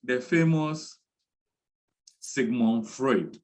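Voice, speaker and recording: A man giving an online lecture, speaking deliberately and repeating key terms for his students. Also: medium pitch, rough recording.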